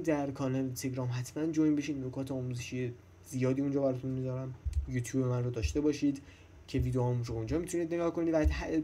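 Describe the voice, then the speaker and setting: A man's voice: on the high side, dark tone. A young man teaching English vocabulary to schoolchildren in a casual, chatty way, speaking straight to the students and repeating points. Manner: chatty, repeats himself, addresses students directly. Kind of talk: casual classroom-style lesson.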